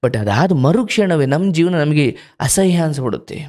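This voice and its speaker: A man's voice: fairly high pitch, animated, normal speed. A man hosting a live call-in counseling show, giving fatherly spiritual advice to a caller and sometimes acting out what people say. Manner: warm, fatherly, preaching advice with acted quotes.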